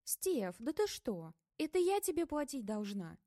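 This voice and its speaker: A woman's voice: high voice, sing-song, unhurried, warm tone, no echo. A woman voicing an outspoken young woman friend who talks in a brash, teasing way, in a dry room.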